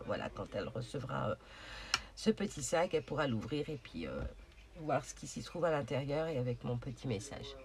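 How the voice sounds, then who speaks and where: Gravelly-voiced woman chatting through a craft demo. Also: sits low, darkish tone. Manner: chatty, hesitant, many fillers. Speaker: craft channel host. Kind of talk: casual crafting tutorial.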